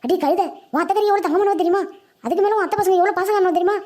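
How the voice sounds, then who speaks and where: High, quick cartoon granny, fussy and fond, a village elder voiced by a performer. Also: darkish tone. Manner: scolding and fond. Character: fussy older village grandmother. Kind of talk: cartoon voice acting.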